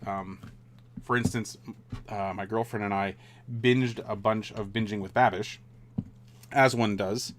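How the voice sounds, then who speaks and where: A man casually chatting on a live stream while building a model kit, rambling and relaxed with many fillers and restarts. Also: on the low side, measured pace, long pauses, slight background noise.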